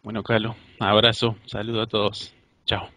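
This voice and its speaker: A man's voice: on the low side, completely flat delivery, moderate pace, sharp tone. A man, a hypnosis client describing his experience hesitantly, repeating words. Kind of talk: halting personal account.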